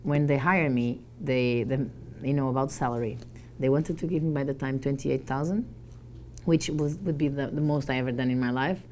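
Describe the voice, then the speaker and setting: A woman from Portugal, giving a motivational talk to an audience and telling her story with animated, acted-out dialogue. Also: extremely low pitch, normal speed, a little hiss or hum. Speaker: guest speaker.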